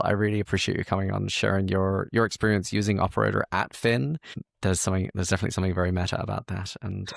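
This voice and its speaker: In a clean studio recording free of room sound, a low, gravelly-voiced man hosts a casual interview and walkthrough. A podcast host and support consultant, he is playful and self-deprecating and tends to repeat words as he goes.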